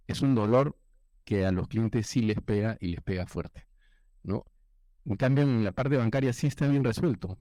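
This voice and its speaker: Guy on a banking panel, low mellow voice, talks slow and careful, lots of ehs. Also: no room sound. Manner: measured, explanatory, frequent fillers. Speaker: panel participant. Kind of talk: panel discussion remarks. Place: event room.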